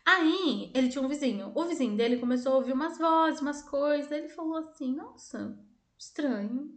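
A woman co-hosting a casual podcast, telling eerie stories in an animated way, laughing often and slipping into voices for the people in them. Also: sits high, fairly quick, reverberant. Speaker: podcast co-host. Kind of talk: casual storytelling chat.

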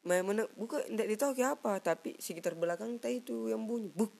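A young man from South Sulawesi with a Makassar Indonesian accent, telling a story in casual chat on a cheap headset mic, animated and acting out sounds. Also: sits high, quick pace, vocal fry. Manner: animated, mimics sounds and acts out friends' lines. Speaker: guest storyteller.

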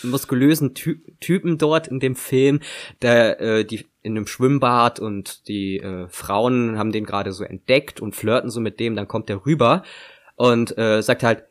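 Young guy cohosting a podcast, kinda hesitant, umms a lot, mid pitch. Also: unhurried. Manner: hesitant, many fillers and restarts. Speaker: podcast co-host. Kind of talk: casual podcast chat.

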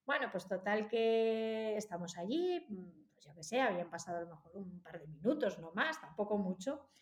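A woman from Spain in her forties, a mother telling a family story in a lively way. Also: mid-range voice, normal speed, reverberant. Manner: animated, acts out quoted voices. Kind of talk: casual storytelling.

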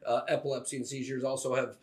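A man's voice: mid-range voice, flat delivery. Guy cohosting a podcast, lots of ums and restarts, medium voice. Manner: halting, many fillers and restarts. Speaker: podcast co-host. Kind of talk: casual podcast chat.

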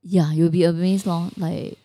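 A woman's voice: lowish voice, fairly even intonation, moderate pace, dark tone. A woman with a Singaporean or Malaysian accent, co-hosting a casual chat in colloquial English with lor, lah and ah. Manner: uses slang particles like lor, lah and ah. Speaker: co-host.

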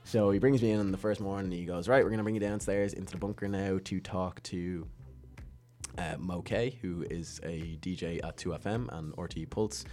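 A man's voice: low-pitched, normal speed. A young man telling a casual story and acting out other people's lines. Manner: animated, acts out other people's voices in quotes.

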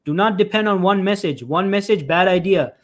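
Hosting a live stream as a career coach, this man speaks fairly quickly in a voice that sits high. His advice to job seekers is emphatic and repetitive, addressed to "folks," and broken up by frequent restarts and filler "uh."

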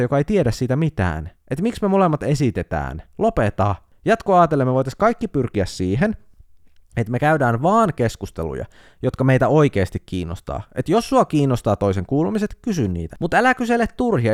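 A man's voice: medium pitch, dry recording, clean studio sound. A young man hosting a comedic solo podcast, telling stories sarcastically and acting out quotes. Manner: sarcastic, animated storytelling with acted-out quotes. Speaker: podcast host.

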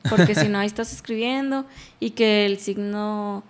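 A woman with a Mexican accent in a relaxed conversation, talking freely and laughing easily. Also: medium pitch, moderate pace. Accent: Mexican Spanish. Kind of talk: casual chat.

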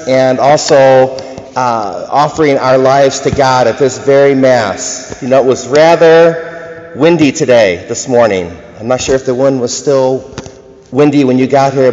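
A male priest reading the Gospel and preaching at Mass in a measured, gentle way with small restarts, his voice ringing in a cathedral echo. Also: mid-range voice. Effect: cathedral echo, long church reverb. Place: large church during Mass. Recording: echoey church hall, dull muffled sound.

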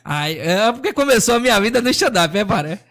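Fast-talking comedian spinning a story. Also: male voice, high-pitched. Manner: slangy, animated, acts out quotes. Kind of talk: casual storytelling chat.

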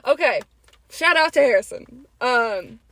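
Lively young woman, animated and high. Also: measured pace, no room sound. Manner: animated, argumentative, laughs often. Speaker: podcast co-host. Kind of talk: casual chat.

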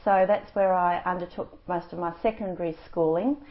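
An Australian woman with a fairly low voice, talking as a guest on a community radio interview. She answers in a friendly, articulate way and tells stories as she goes. The recording sounds slightly dull and lo-fi. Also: fairly even intonation, normal speed. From Tasmania, Australia. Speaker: guest, Rotary district governor-elect.

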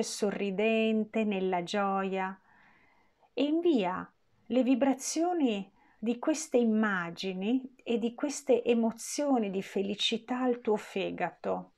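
Woman, meditation guide, unhurried and soothing, mid-pitched voice. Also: animated. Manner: slow, gentle, soothing delivery with long pauses.

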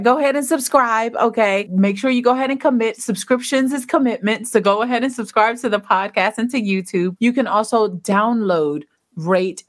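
A woman hosts a podcast in casual chat, playful and upbeat. She teases her guest and laughs easily. Her voice sits in a middle pitch. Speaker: podcast host. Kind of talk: warm casual podcast outro.

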